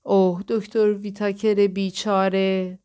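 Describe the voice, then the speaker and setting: A woman's voice: medium pitch, level tone, dark tone, clear, resonant tone, lightly acted. A suspicious, curt female caretaker, read by a woman narrator in an audiobook. She answers in short, guarded lines.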